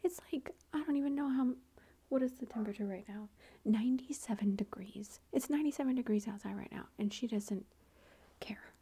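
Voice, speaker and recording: Speaking fairly quickly in a fairly high voice, a woman vlogger and mother of a son relates a long personal story in a soft, breathy whisper. She uses plenty of fillers and acts out quoted lines of dialogue.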